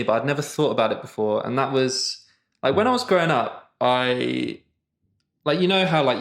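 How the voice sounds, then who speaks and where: A man's voice: mid-range voice, a bit bright. A man, a music producer chatting as a podcast guest and rambling with lots of fillers. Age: 20s. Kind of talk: casual interview chat. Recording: roomy echo.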